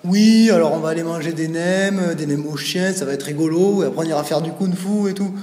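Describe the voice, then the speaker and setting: A young man plays a stiff help desk clerk in a comic sketch. He sounds mock-formal and flustered, with a fairly high voice. The room is echoey, with a long reverb. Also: a little fast, warm tone. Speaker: comedy segment host.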